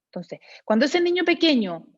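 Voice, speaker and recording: A woman with a Chilean Spanish accent giving a lecture to teachers, lively, acting out little parent-child exchanges and often checking in with her audience. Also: high voice, normal speed, dull audio. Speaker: workshop speaker for teachers.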